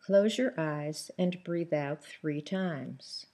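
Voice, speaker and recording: A woman guiding a breathing and centering exercise, speaking calmly with long pauses between instructions. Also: low-pitched. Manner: calm, slow, soothing delivery with long pauses.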